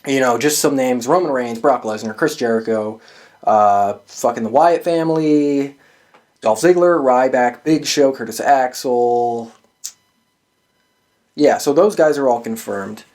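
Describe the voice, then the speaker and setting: Speaking a little slowly in a mid-range, slightly mellow voice, a man hosts a wrestling prediction show. His commentary is casual and opinionated, and he delivers it profanely and with emphasis.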